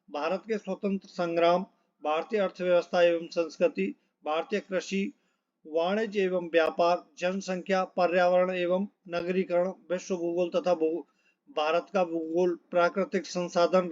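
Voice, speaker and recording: A high-pitched male exam coaching teacher walks informally through a syllabus, reading out lists of topics. His manner is instructional, repeating points and often checking in with listeners, and the recording sounds dull.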